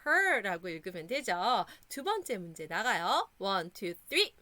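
A Korean woman teaching English sight words to children, encouraging them and repeating words slowly for them to echo. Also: mid-range voice, sing-song, heavy background noise.

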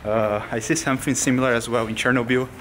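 This young vlogger's mid-range voice comes quickly, with a faint hiss or hum behind it. He gives easygoing travel commentary to an arm's-length camera, outside and in an empty concrete structure, using loose, offhand non-native wording.

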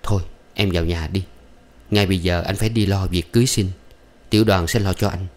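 A man voicing a gentle, earnest young soldier. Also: deep voice, fairly even intonation, brisk, natural voice.

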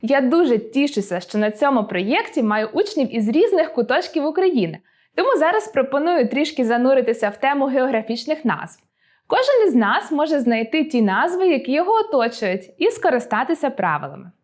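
A woman teacher giving a scripted online lesson with a lively, clear delivery. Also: sits high, a little fast. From Ukraine.

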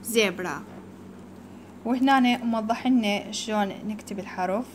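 A woman teacher, giving a slow alphabet lesson to young children and repeating each word before explaining it. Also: medium pitch, slight background noise. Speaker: primary school teacher.

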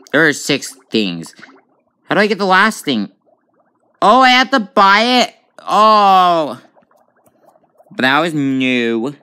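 This gamer has a clean, sharp, mid-range voice. Playing a tablet game indoors, they give casual let's play commentary and keep exclaiming as they react out loud.

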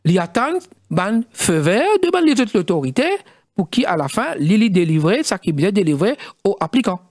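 A middle-aged man with a Mauritian accent, a studio guest explaining in halting speech with many fillers and restarts. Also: high-pitched, big pitch swings, a little mellow, no room sound. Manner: halting, mixes French and Creole, many fillers. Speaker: studio guest, former district council president.

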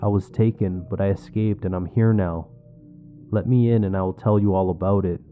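A man's voice: low-pitched, fairly even intonation, normal speed, phone-quality sound, faint music behind, close to an everyday voice. A man reading a possessed, pleading wife. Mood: eerie pleading. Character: frightened, possessed young wife.

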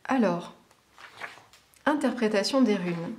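A woman's voice: medium pitch, animated, slow pace, a little hiss or hum. A woman tarot reader talks casually to camera as she reviews a boxed set. She speaks in a chatty, hesitant way, full of filler sounds, and now and then reads aloud from a booklet.

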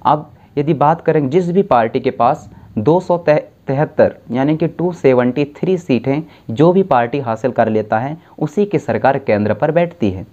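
Seated at a desk in a dim room indoors, a young civics tutor gives an exam-prep lesson to the camera, explaining things slowly and step by step, often correcting himself and starting over. His voice is mid-range and mellow, and the sound is lo-fi.

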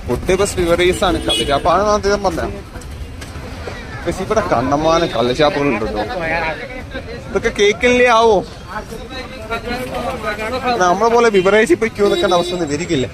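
A man vlogs on a busy street, filming on his phone without an external mic and talking casually to viewers he addresses as guys. His fairly high voice is fast with lively intonation, set against loud crowd and traffic noise from passers-by.

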